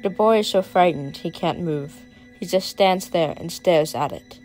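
A woman's voice: fairly low pitch, unhurried, faint music behind, rough recording. A woman reading a short horror story aloud, dramatic in her storytelling. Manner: dramatic storytelling, varying loudness for suspense. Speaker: storyteller and artist.

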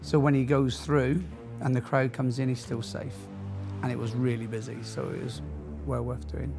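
A man's voice: mid-range voice, flat delivery, normal speed, vocal fry, over music. A middle-aged man giving a plain, matter-of-fact account in an interview. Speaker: security manager. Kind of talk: documentary interview.

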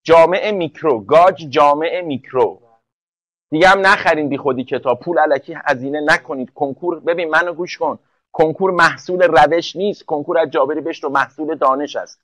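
A man's voice: a little high, fairly bright tone, no echo, rough recording. A man teaching English for an entrance exam in a live online class, joking and speaking directly to students one by one.

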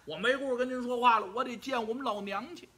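A man's voice: very high-pitched, fast, fairly bright tone. A man voicing a brash, hot-tempered, burly outlaw warrior who talks bluntly and boastfully.

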